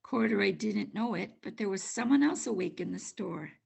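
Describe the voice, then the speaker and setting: An older woman narrating a children's storybook aloud in an expressive, measured way. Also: medium pitch, gravelly, breathy edge. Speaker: storybook reader.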